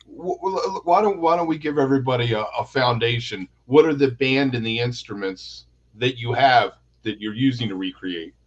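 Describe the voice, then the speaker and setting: A male host puts careful, measured questions to his guest. His audio sounds a little dull and lo-fi, as if the mic is of modest quality. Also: medium pitch. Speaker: podcast co-host. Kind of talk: interview questions.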